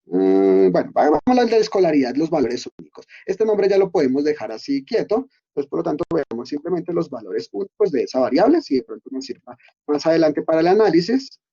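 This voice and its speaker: Man teaching, lively husky voice. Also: on the high side, brisk, muffled recording. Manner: explanatory, often checks in with "¿listo?". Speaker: instructor. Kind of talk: screen-recorded coding lesson.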